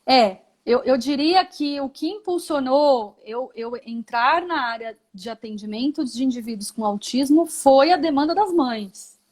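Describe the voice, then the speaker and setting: A Brazilian woman, a physiotherapist and mother, reflects on her path in a live interview, often using tag questions. Her voice is high and darkish, animated yet a little slow, with a Brazilian Portuguese accent.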